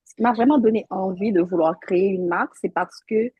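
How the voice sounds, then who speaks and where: A woman's voice: mid-range voice, brisk, darkish tone, slightly rough, dry recording. A woman, a mother and workshop participant, earnestly telling a personal story with frequent restarts. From Haiti. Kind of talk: personal story on a video call.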